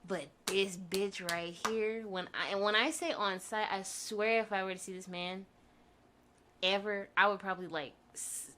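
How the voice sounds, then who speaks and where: A woman's voice: mid-range voice, moderate pace, a little hiss or hum. A young woman as a podcast guest, chatting casually, laughing often and telling heated stories with plenty of swearing. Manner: expressive, laughs often, profane storytelling. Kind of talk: casual chat.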